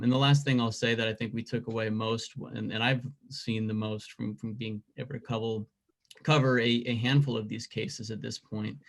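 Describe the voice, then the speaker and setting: A man speaking as an investigative reporter on a conference panel, thoughtful and often repeating words as he searches for them. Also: on the low side.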